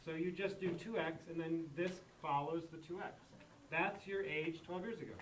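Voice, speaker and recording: A man's voice: fairly high pitch, steady tone, normal speed, slight background noise. A man teaching a math lesson to a class, repeating key points and checking that students follow. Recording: echoey classroom from far off.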